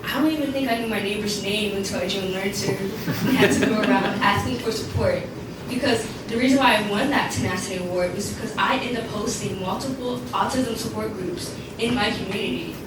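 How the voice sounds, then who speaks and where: A woman's voice: medium pitch, a little fast. Young woman giving a speech in an echoey room. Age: young adult. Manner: earnest, laughs between lines. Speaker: alumni speaker. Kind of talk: speech at a networking event. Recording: echoey room from far off, loud background noise.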